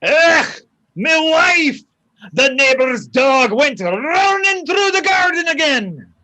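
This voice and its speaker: Man doing a put-on Scottish accent, flustered husband, high bright voice, slow blustery delivery. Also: very animated, full character voice, low-quality recording. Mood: exasperated. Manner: blustery, shouting at the neighbor. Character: flustered Scottish husband, fussing over his garden.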